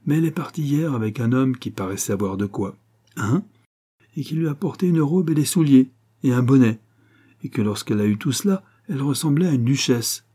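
A nosy, gossiping old ragpicker woman, put on by a male reader in a storybook reading. The husky, dark voice jumps upward when she gets excited. Her talk is loose and chatty. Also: mid-range voice, fairly quick, voice pushed up.

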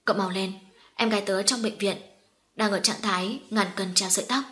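Woman doing a worried young brother, rushed and out of breath. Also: mid-range voice, fairly even intonation, a bit bright, reverberant, slight background noise, close to an everyday voice. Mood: breathless hurry. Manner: breathless, hurried. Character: anxious young man, worried older brother.

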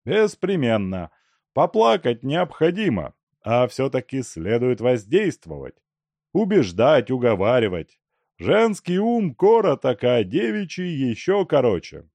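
A man playing a scheming middle-aged suitor who speaks in a persuasive, assured tone, gravelly and mellow, in a storybook reading. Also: medium pitch, no room sound, exaggerated voice.

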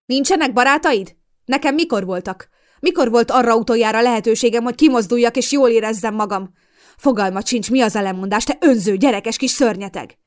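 A domineering middle-aged mother bursts into rage, her voice climbing high and loud with every accusation, put on by a woman reading the story. She scolds sharply and never gives ground. This is audiobook narration. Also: no room sound, clean studio sound, lightly acted. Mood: furious. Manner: shouting, scolding.

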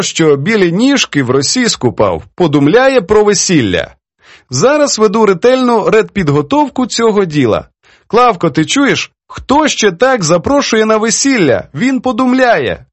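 A man voicing a merry elderly woman children's poet who teases and mocks her editor. He reads it in a high, lively voice. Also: dry recording. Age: older. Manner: teasing, laughs easily.

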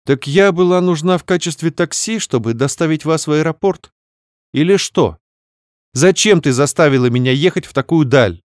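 A man's voice: fairly high pitch, normal speed, no room sound, studio quality, voice pushed up, natural voice. Irritable tired young woman, voiced by a man, grumbling and snapping. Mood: irritated.

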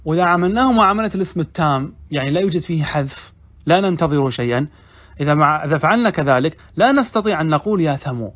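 Fairly high-voiced man teaching grammar. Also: lively intonation, fairly bright tone. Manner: explains step by step, asks the class questions and answers them himself; reads quoted text slowly and deliberately. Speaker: sheikh teaching Arabic grammar. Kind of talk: classroom commentary on a grammar text.

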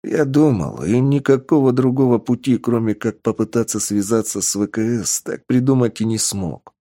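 A man doing a calm, persuasive schemer. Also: medium pitch, normal speed, no room sound, clean studio sound, natural voice.

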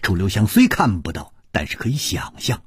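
A male storyteller reading a martial-arts novel aloud with a slow, highly expressive delivery that swings from whispers to high cries. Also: breathy edge, no room sound, clean studio sound.

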